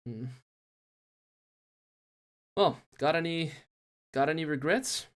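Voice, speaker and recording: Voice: mid-range voice, animated, slow. A voice actor voicing an earnest, jumpy, teasing lead character in a game.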